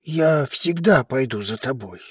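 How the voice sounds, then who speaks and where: A devoted male dragon lover with a low, husky voice that swings widely in tone, played by a woman narrator. He speaks slowly and softly, almost pleading, in a close, dry sound. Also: lively intonation, no echo, full character voice. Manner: low, slow, hushed and pleading. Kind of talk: audiobook character reading.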